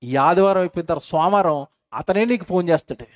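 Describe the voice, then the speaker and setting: A man's voice: high voice, fast talker. A male preacher, delivering a sermon to a congregation. He keeps asking the listeners questions and answering them himself, and he repeats phrases for emphasis.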